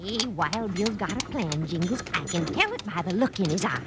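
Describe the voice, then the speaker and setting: An actress playing a feisty, bossy older American aunt in an old radio Western, folksy and spirited. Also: female voice, lowish voice, expressive, brisk, lightly acted. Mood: cheerful. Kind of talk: 1950s old-time radio Western acting. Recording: very noisy old radio recording.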